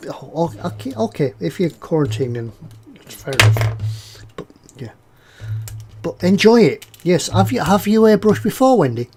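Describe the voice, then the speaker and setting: This live streamer, a man with a head cold, sounds snuffly while building a scale model and reading viewers' comments, with faint music behind him. His voice is on the high side and darkish, unhurried with big pitch swings, and he chats in a rambling, friendly way packed with "uh"s and repeated words.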